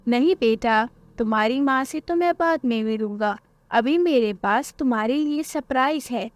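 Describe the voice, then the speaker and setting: A woman's voice: a little high, moderate pace, dry recording, lightly acted. A woman doing a sly sweet-talking thief. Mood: coaxing. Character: sly smooth-talking male thief luring children.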